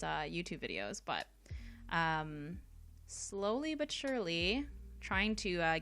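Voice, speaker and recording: Soft-spoken young woman chatting while drawing. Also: fairly low pitch. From Canada. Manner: soft-spoken, many ums, light laughs, brightens when thanking viewers. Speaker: art livestreamer. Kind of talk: casual chat while drawing, reading viewer comments.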